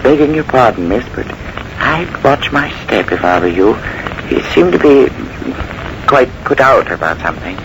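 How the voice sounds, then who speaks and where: An actor playing a loyal, gently concerned butler, formal, hesitant and respectful, in a 1940s radio mystery. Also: male voice, medium pitch, animated, moderate pace, creaky. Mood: cautious. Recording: noisy vintage 1940s radio broadcast.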